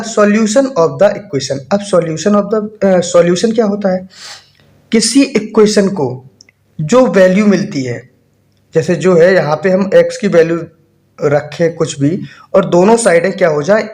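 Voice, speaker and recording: High-voiced male maths teacher. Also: a little mellow. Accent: Hindi. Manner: asks rhetorical questions and answers them himself. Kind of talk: classroom lesson explanation.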